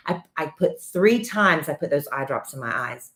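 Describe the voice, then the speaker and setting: A podcast co-host in her fifties chats casually with her husband, telling stories animatedly, with her pitch rising when she gets indignant. Her voice moves at a moderate pace in an echoey room.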